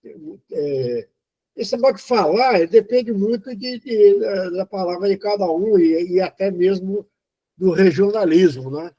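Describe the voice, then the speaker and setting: A man from Brazil giving an informal spoken lesson on poetry, halting and explanatory, with many fillers and restarts. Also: high-pitched, warm tone. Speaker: poetry teacher. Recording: dull lo-fi recording.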